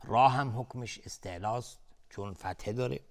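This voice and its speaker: A man with a Persian accent teaching Quran recitation rules, chanting verses slowly and then explaining each rule quickly. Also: mid-range voice, creaky. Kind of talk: tajweed lesson, recitation and explanation.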